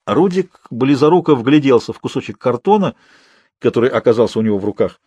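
A man narrating a novel as an audiobook reader, in a measured, dryly ironic manner. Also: medium pitch, expressive, warm tone, slightly rough, dry recording. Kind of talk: scripted narration.

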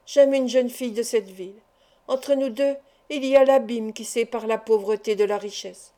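Earnest young suitor, imploring, warm lighter voice, audiobook read by a woman. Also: fairly high pitch, normal speed, lightly acted. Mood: pleading. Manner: emotional, imploring. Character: earnest young man in love, pleading.

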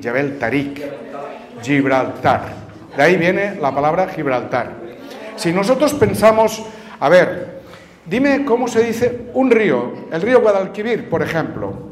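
A man with a Canarian Spanish accent and a fairly high voice talks slowly and patiently, putting questions to his audience. Behind him a lively crowd murmurs through the large room. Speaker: teacher giving a talk to students. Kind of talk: classroom talk on word origins. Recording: lively audience noise around the speaker. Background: crowd of listeners.

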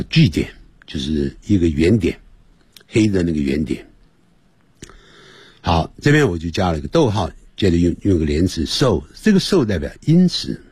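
A man teaching English on a radio lesson, explaining patiently and repeating words slowly for pronunciation. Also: low-pitched, darkish tone, husky, no room sound, clean studio sound.

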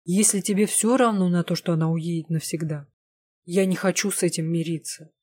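A woman's voice: lowish voice, fairly even intonation, brisk, darkish tone, slightly rough, no echo, clean studio sound. A woman reading the part of a proud, hot-tempered young vampire empress who snaps demands and then pleads. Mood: angry.

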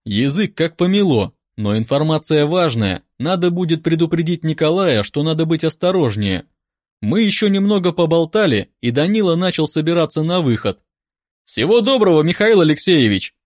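A man narrating a first-person audiobook with expressive storytelling. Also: fairly high pitch, moderate pace, dry recording, studio quality.

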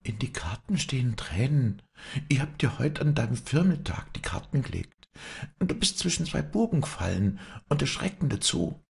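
A man's voice: mid-range voice, expressive, moderate pace, creaky, pitched above the performer's own voice. A man voicing an anxious, superstitious old servant woman who wails and laments. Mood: worried. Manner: wailing, lamenting.

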